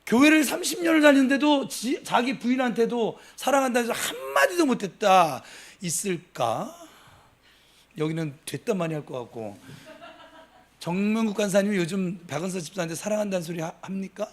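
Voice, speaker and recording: A middle-aged man from Gimcheon, preaching a sermon at a Wednesday prayer service, swinging between loud emphasis and soft asides as he talks with the congregation. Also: high-pitched, animated, moderate pace. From Gimcheon, Gyeongsang province. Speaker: pastor.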